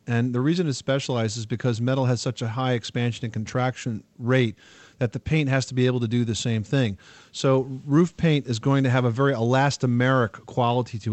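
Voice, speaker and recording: A man hosting a home improvement call-in radio show, explaining products in a steady, knowledgeable way. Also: medium pitch, no echo.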